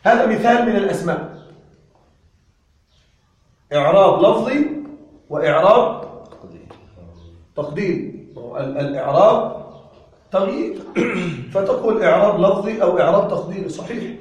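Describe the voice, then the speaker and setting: High-voiced man teaching in an echoey room. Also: normal speed, long pauses, distant mic. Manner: lively, asks the class questions and answers them himself. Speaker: Arabic grammar teacher. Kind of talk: classroom lecture.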